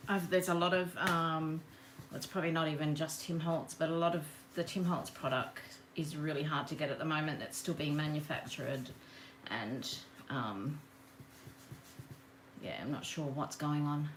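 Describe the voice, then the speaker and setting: Woman, rambling live craft host, lowish voice, faint hiss, camera on the desk. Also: fairly even intonation, normal speed. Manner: chatty, rambling, greets viewers by name. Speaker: craft demonstrator hosting a live session. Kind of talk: casual live craft demo chat. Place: home craft table. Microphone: camera on the work table.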